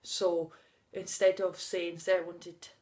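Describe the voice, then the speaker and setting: Her voice is fairly low, level, and slow, with a darkish tone. Vlogging outdoors on a sunny day, this woman in her thirties speaks openly and emotionally without a script, laughs at times, and blocks on first sounds due to a stutter.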